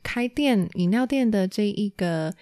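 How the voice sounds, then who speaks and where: Slow-paced Taiwanese-accented woman teaching casually. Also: medium pitch, animated, mellow, no echo, clean studio sound. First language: Taiwanese Mandarin. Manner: explains and repeats key words. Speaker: Mandarin teacher and host. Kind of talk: casual bilingual language lesson.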